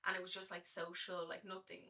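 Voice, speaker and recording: Bright-voiced young Irish woman chatting. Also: lowish voice, brisk, vocal fry, distant mic. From Ireland. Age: early 20s. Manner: chatty and animated, lots of fillers. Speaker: guest, Latin dancer. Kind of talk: casual podcast chat.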